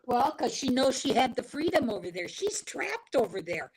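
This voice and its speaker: Woman, chatty, quick to laugh, voices in the background. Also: a little high, big pitch swings, crowd noise, rough recording. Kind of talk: casual chat.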